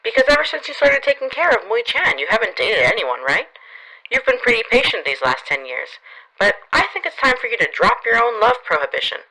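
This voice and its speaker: A woman's voice: brisk, heavily acted, poor audio. A woman playing a brash, flirty lady boss. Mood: coaxing. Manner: teasing, playful, lively swings in pitch. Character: flirtatious, brash middle-aged female company president.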